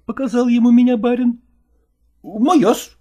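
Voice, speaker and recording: Woman, storybook narrator, expressive reading, high voice. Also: normal speed. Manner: expressive, animated.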